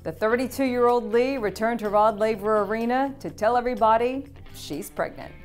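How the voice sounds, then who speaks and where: A woman's voice: a little high, moderate pace, soft background music. Polished woman reading sports news. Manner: upbeat, polished read with light quips. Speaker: news presenter. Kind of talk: scripted sports news narration.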